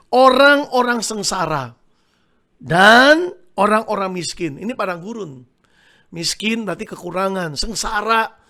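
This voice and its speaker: Male pastor, middle-aged, gravelly and high-pitched, lively sermon delivery. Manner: animated preaching, calls to the congregation.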